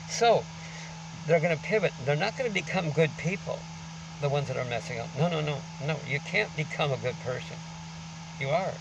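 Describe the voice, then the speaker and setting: Gravelly man talking through a face mask. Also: a little high, expressive, moderate pace, distant mic, background noise. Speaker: vlogger. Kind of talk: rambling informal monologue to camera. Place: outdoors on a beach.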